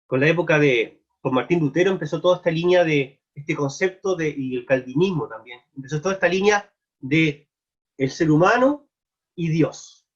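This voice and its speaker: A man's voice: a little high, normal speed, slightly rough. A man with a Chilean accent preaching a sermon at a live virtual church meeting, earnestly asking his listeners one searching question after another. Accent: Chilean Spanish. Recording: dull lo-fi online meeting audio.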